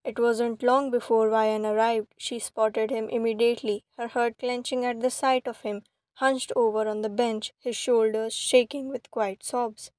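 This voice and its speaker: A woman narrating a romantic fan fiction story in a steady, even reading voice. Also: fairly high pitch, unhurried, dry recording.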